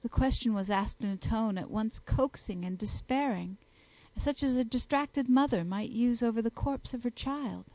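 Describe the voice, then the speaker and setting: A woman reading a detective story aloud as an audiobook, in an even, steady storytelling manner. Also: on the high side, normal speed, no room sound, low-quality recording. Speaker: audiobook reader. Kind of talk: audiobook narration.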